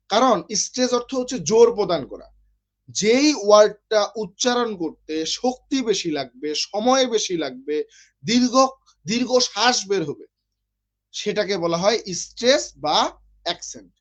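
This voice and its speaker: A man's voice: high voice, animated, measured pace. A man from Bangladesh teaching an online literature class, explaining step by step and often checking with his students.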